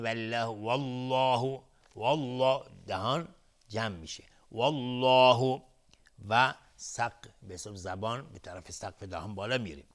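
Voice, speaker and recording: A man's voice: lowish voice, fairly bright tone. Methodical male recitation teacher. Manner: methodical, repeats and drills pronunciation. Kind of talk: tajweed lesson explanation. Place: television studio.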